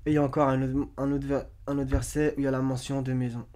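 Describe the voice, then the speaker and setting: Hesitant man with a mellow voice. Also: mid-range voice, little pitch movement, fast talker. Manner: hesitant, many fillers and restarts, often asks listeners to question things. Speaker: video commentator. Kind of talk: casual explanatory commentary, reading verses aloud.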